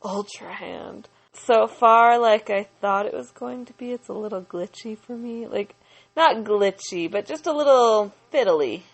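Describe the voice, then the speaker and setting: A woman's voice: on the high side, moderate pace. A woman in her thirties chatting playfully as a guest on her husband's podcast. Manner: chatty, playful, laughs easily. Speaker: podcast guest, host's wife. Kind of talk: casual chat.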